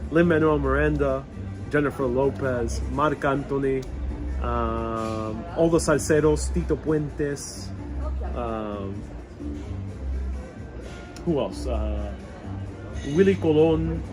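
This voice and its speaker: A man's voice: mid-range voice, slow pace, pauses often. A man born in Puerto Rico and raised in New York, a travel vlogger chatting casually on a live stream as he reads out viewer comments and riffs on them. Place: outdoors in a European old town. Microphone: wireless clip-on mic. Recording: clear salsa music behind the voice. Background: salsa music playing nearby.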